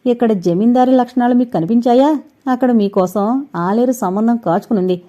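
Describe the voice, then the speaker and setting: A woman's voice: a little high, a little fast, dark tone, voice pushed up, natural voice. A woman voicing a fierce old grandmother, scolding. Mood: coaxing. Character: sharp-tongued old grandmother, fierce and stubborn.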